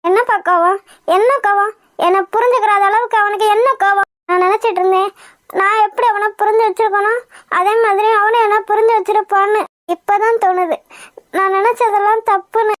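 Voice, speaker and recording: A woman's voice: very high-pitched, fairly even intonation, brisk, no echo, clean studio sound. A woman voicing a hurt, stubborn young pregnant wife in a cartoon, sulky and defiant. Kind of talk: cartoon voice acting.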